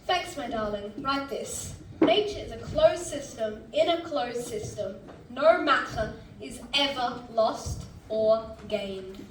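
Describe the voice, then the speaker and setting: A woman's voice: a little high, slow, background noise. A woman playing a showy French male scientist in a stage musical, speaking in a grand, formal, declamatory way. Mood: quieter, earnest. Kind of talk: stage musical acting, theatrical presentation. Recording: distant, echoey stage recording with music.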